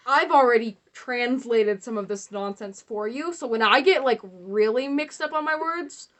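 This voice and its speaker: A woman's voice: on the high side, animated, a little slow. A young woman casually reading fan fiction aloud, breaking off for sarcastic, laughing, swearing asides. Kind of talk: casual comedic read-along.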